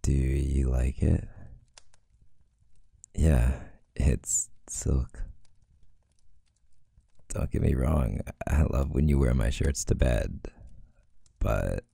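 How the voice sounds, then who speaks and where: A man in a whispered role-play as a playful, teasing boyfriend, speaking softly and affectionately. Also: rumbling low, slow pace, gravelly, slightly rough, dry recording. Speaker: audio role-play creator.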